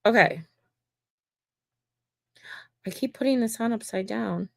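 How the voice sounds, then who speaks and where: A woman's voice: fairly high pitch, takes it slowly, vocal fry, no room sound, studio quality. A woman mosaic artist hosting a livestream, chatting casually and rambling to viewers while she works. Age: adult. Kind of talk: casual chat while crafting.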